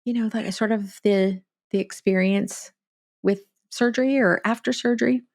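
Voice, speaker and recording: Woman host, enthusiastic and complimentary, mid-range pitch, dry close recording. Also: fairly even intonation, moderate pace, dry recording. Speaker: interviewer, clinic staff. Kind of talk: casual interview.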